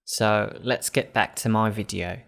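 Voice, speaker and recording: A man hosting a vlog, narrating in a measured, explanatory way and asking interview questions. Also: on the low side, steady tone, creaky, a bit bright. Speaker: host. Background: music.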